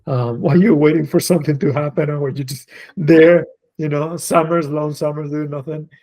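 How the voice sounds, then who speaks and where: His voice is on the high side, mellow and steady, at a normal speed. A forties-aged man from Spain who speaks Spanish natively, he's a designer and creative director reflecting loosely on his path as a podcast guest, often restarting sentences and using lots of fillers.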